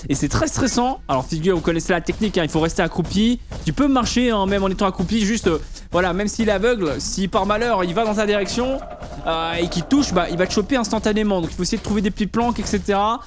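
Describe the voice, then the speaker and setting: A man's voice: sits high, quick pace. A man giving casual commentary on a game, explaining things to the viewer in informal, slangy language. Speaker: gaming video host.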